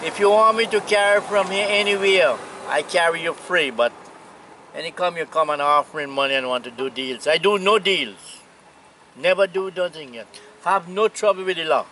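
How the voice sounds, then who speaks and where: A man in his eighties from Anguilla with a Caribbean accent, reminiscing casually in an unhurried, plainspoken way. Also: on the high side, bright, forceful tone, low-quality recording. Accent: Anguillan Caribbean English. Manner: unhurried, plainspoken old seaman's talk with pauses. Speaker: retired sea captain, interviewee. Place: outdoors on a seaside hillside. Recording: outdoor camera audio with noise.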